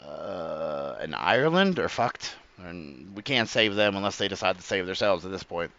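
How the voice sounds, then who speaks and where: A man's voice: low-pitched, animated, moderate pace, gravelly, sharp tone, lo-fi sound. A man giving casual, rambling reaction commentary, often stopping to correct himself and swearing freely. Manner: rambling, self-correcting, profane. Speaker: streamer reacting to clips.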